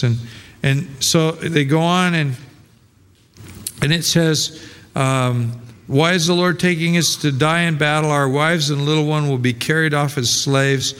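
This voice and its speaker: A man's voice: mid-range voice, fairly bright tone, smooth. A male pastor preaching a sermon in a conversational way, full of rhetorical questions and restarts. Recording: long hall reverb.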